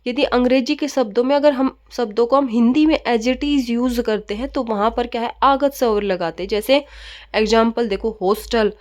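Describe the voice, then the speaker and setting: A woman teaches grammar in a steady classroom manner. She keeps asking questions and answering them herself, and drops English words into her sentences. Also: a little high, normal speed.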